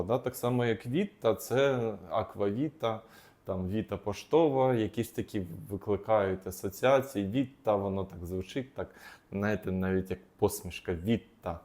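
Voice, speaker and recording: A man's voice: medium pitch, warm tone. A man, a psychologist, explaining techniques off the cuff, with frequent hesitations and restarts. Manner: unscripted, many hesitations and restarts.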